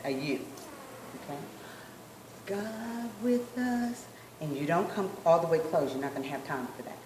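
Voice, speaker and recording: A woman instructor coaching a group rehearsal, encouraging them and slowly repeating phrases as she demonstrates. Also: low-pitched, roomy sound, recorded from a distance, slight background noise. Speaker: sign language dance instructor.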